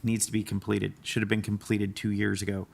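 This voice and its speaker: A man speaks at a town commission meeting with a low, gravelly voice. He keeps his pitch flat. He makes his case bluntly and emphatically. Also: fairly quick, a little hiss or hum. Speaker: town commissioner, former mayor. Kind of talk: meeting debate.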